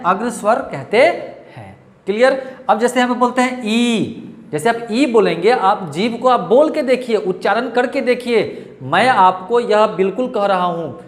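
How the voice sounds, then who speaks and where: A man's voice: high-pitched, echoey room. A male teacher with a Bihari Hindi accent giving a grammar lesson, asking questions and answering them himself and coaxing his students. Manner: repetitive, asks and answers own questions; coaxing, calls students dear children.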